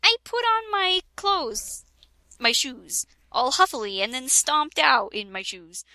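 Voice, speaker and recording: Reading a parody fanfic in mock-dramatic style, a young woman keeps giggling, laughing mid-sentence and breaking off for asides. Her voice is high, bright and forceful, with lively intonation and a slow pace, in a dry recording.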